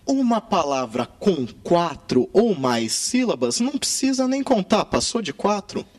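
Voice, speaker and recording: A man teaching a grammar lesson in Brazilian Portuguese, with emphatic, drawn-out key words. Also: high-pitched, sing-song, no room sound.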